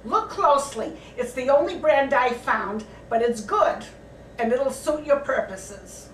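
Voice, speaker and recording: Older woman, cooking show host, high-pitched, warm kitchen echo. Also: lively intonation, a little slow, a little hiss or hum. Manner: homey, plain-spoken, grandmotherly. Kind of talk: casual cooking show chat. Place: home kitchen. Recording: echoey kitchen, mic at a distance.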